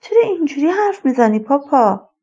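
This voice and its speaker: Woman reading a teasing young daughter, direct questions, high voice, dull lo-fi sound. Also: big pitch swings, dark tone.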